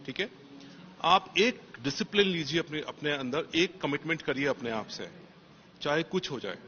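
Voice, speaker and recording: A man's voice: on the high side, animated, normal speed, bright, forceful tone, dull audio, a little hiss or hum. A man, a police officer, answering interview questions in an emphatic motivational way and repeating key phrases for stress.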